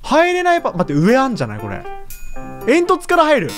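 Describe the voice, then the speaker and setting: A woman giving casual let's-play commentary, chatty and excitable, laughing often as she reacts. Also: sits high, fast, soft background music. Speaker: gaming YouTuber.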